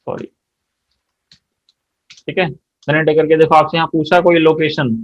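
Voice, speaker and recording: Hindi-speaking man teaching software steps. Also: fairly high pitch, flat delivery, a little slow, dull audio. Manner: explains step by step, often checks students' answers. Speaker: accounting teacher. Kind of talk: software tutorial lesson.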